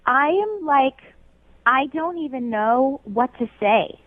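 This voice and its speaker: A woman's voice: high voice, expressive, slow. A woman on the phone to a radio show, flustered and apologetic, stumbling over her words. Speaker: caller. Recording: tinny phone line.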